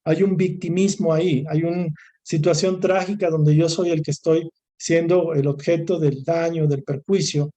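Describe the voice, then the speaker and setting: A man with a Mexican Spanish accent lectures through a course session, piling up lists of near-synonyms and restarting his phrases. His voice sits a little high for a man and has a mellow, soft-edged tone. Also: steady tone, normal speed. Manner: discursive, repeats and lists words, restarts phrases. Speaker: course instructor.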